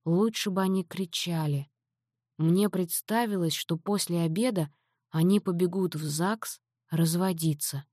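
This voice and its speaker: Low-voiced woman reading a novel. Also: measured pace, no echo, studio quality. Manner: even, storytelling. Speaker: audiobook narrator. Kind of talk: first-person novel narration.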